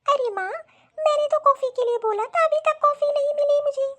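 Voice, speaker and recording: A woman's voice: extremely high pitch, moderate pace, fairly bright tone. A woman voicing a spoiled young married daughter in a cartoon, whiny and demanding. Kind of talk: cartoon voice acting.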